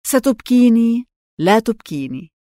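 A woman's voice: fairly high pitch, expressive, normal speed, dark tone, no room sound, studio quality, pitched above the performer's own voice, close to an everyday voice. A woman reading an audiobook, voicing a fond older mother figure who speaks in an affectionate, coaxing way.

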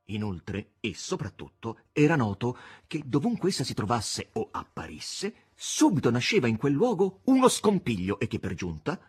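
Male audiobook narrator, raspy voice, lively intonation, dramatic literary reading. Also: medium pitch, normal speed. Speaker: audiobook reader.

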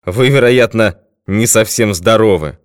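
A man reading an audiobook, voicing a hoarse, blustering male villain who raises his voice in indignation. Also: lowish voice, measured pace, no echo, clean studio sound, pitched above the performer's own voice, natural voice.

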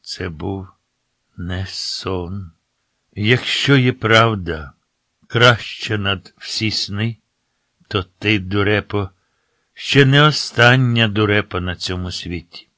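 Low-voiced man reading a story aloud. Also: dry recording. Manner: measured, unhurried reading with phrase endings that drop soft. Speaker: audiobook reader. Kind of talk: literary audiobook narration.

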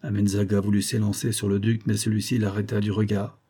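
Husky-voiced male audiobook narrator. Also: lowish voice, little pitch movement, a little fast, mellow. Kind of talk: scripted narration.

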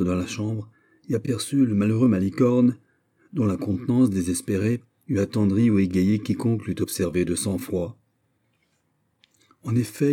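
Dark-voiced male audiobook narrator. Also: low-pitched. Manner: measured, deliberate phrasing.

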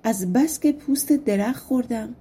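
A woman voicing a scheming bald peasant girl who coaxes and makes excuses in a smooth, sweet-talking way. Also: fairly high pitch, warm tone. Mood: excuse-making. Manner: coaxing, smooth-tongued.

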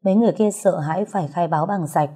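A woman narrating a dramatic audio novel in a steady storytelling manner. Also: on the low side, quick pace, breathy edge.

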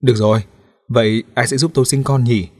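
A man's voice: mid-range voice, fairly even intonation, fairly quick, a little mellow, dry recording, clean studio sound, lightly acted. A male audiobook narrator voicing a joking young police officer with a light, casual manner.

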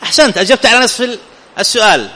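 A man's voice: high-pitched, sing-song, racing, bright, forceful tone. A man teaching a live classroom grammar lesson, often stopping to question students and check that they follow. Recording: long reverb in a hall.

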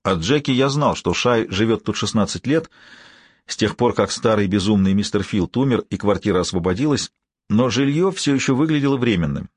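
A man narrating a novel in the first person, with measured, grave storytelling. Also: on the low side, lively intonation, slightly rough, no echo. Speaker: audiobook narrator.

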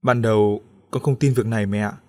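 A man's voice: on the low side, steady tone, brisk, warm tone, no room sound, lightly acted. A man voicing a worried young husband. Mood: weary. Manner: urgent, weary.

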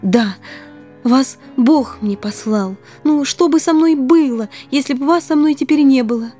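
A woman's voice: high-pitched, unhurried, mellow, faint music behind, voice pushed up. A woman reading an audiobook, voicing an eager, affectionate young woman with breathless exclamations. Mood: earnest.

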